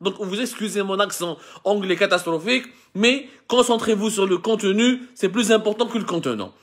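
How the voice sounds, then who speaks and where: A man's voice: high-pitched, animated, normal speed. An Algerian man with an Algerian accent hosting a live show, explaining to viewers in a lecturing way, with many restarts and lists. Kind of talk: talking to camera, explaining to viewers.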